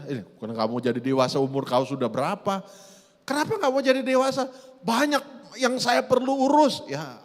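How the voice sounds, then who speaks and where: A middle-aged man, preaching a sermon in a church hall, swinging from hushed asides to loud drawn-out emphasis. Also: high-pitched. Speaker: pastor.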